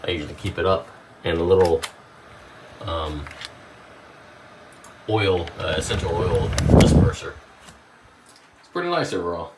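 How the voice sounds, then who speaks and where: Low-voiced man in a phone video. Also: unhurried, pauses often, distant mic, background noise. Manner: relaxed, with filler words. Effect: filmed on a handheld phone. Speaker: product reviewer. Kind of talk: casual home product demo. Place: small room at home, indoors. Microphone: phone camera held at a distance.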